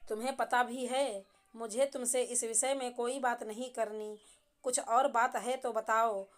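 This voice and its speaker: A woman voicing a young married woman who is hurt and angry, speaking in a sharp, scolding way. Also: fairly high pitch, fairly even intonation, measured pace, lightly acted. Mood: stern.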